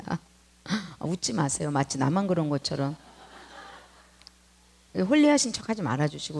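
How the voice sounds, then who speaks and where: A middle-aged woman leads a sermon in a loose, conversational way. Her voice rises and falls widely as she talks, and she keeps turning to the congregation with quick checks for agreement. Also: a little high, gravelly, husky. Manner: colloquial and animated, peppered with tag questions to the congregation. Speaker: mission leader and preacher.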